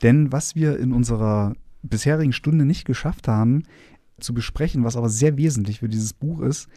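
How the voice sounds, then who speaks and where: A man's voice: mid-range voice, normal speed, warm tone, dry recording, studio quality. A man hosting a podcast, explaining a novel's plot in a casual, conversational way. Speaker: podcast host. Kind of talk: casual book discussion.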